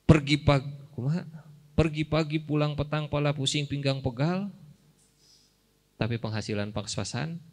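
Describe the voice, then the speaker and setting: A man's voice: fairly high pitch, normal speed, pauses often, a little mellow, pitched above the performer's own voice, natural voice. A man voicing a boastful rich man who brags about his hard work, with a comic manner. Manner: comic, rattling off complaints.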